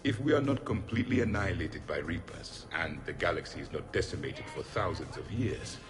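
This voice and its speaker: A stern, ancient male alien warrior from a video game. He speaks in a fairly low voice, formal and humourless, with deadpan severity. Music sounds behind him. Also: a little fast. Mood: dour.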